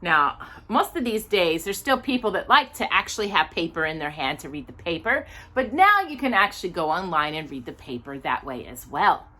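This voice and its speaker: With a sharp tone and a fairly low voice that swings widely in pitch, a woman from Texas reads a nonfiction children's book aloud at a moderate pace. She's an American storytime host who chats informally between passages and stumbles on longer words.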